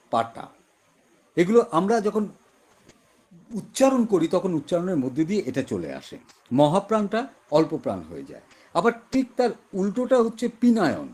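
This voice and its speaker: A man teaching an exam-prep class in a West Bengal Bengali accent. His voice is a little husky and sits fairly high, with lively rises and falls as he explains. He keeps repeating example words to demonstrate their pronunciation. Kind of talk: online exam-prep lesson.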